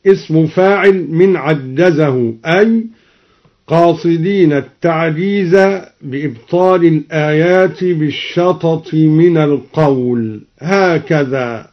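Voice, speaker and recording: A man teaching Quranic reading variants in a radio lesson, explaining each variant and then reciting the verse in a measured, drawn-out way. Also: fairly high pitch. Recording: dull old radio broadcast recording.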